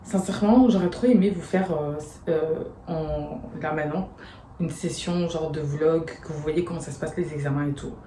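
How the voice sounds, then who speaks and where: A woman's voice: deep voice, moderate pace, dark tone, a little hiss or hum. A woman, chatting casually to camera about her day in a slangy, storytelling way. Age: late 20s. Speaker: vlogger and university student. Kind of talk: casual vlog talk to camera. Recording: roomy echo.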